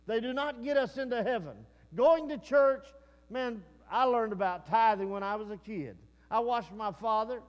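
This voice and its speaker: A man's voice: extremely high pitch, moderate pace, long reverb tail. A man from Texas, preaching a folksy, conversational sermon and often turning to the congregation with questions. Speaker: pastor.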